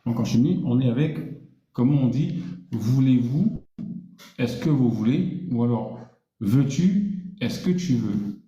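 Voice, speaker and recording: A male teacher leads a live-streamed language lesson in a very dark, mellow voice. He explains patiently and slowly repeats each word. The sound is roomy and slightly dull. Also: medium pitch, expressive. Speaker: English teacher.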